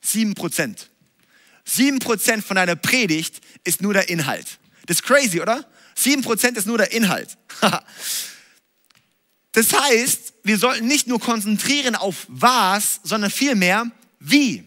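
An energetic male preacher teaches from a stage in a livestreamed talk, driving his points home and often ending them with a quick question to the listener. His voice is high and bright. A long hall reverb trails every line. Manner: energetic, emphatic, asks listeners tag questions.

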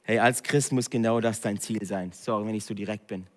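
A man, preaching a direct sermon that swings between hushed and loud emphatic passages. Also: fairly low pitch, steady tone, brisk, long reverb tail. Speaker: pastor.

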